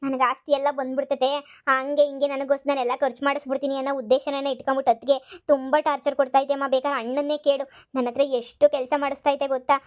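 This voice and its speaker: A woman's voice: sits high, flat delivery, racing, close to an everyday voice. A woman voicing a scheming young fake daughter who pleads tearfully. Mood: complaining. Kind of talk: cartoon voice acting.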